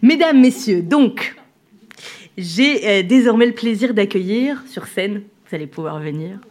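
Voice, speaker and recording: On stage before an audience, a woman hosting a live event introduces the jury members and guests. Her medium-pitched voice is animated, unhurried and a little mellow, and she chats in a self-deprecating way with many fillers.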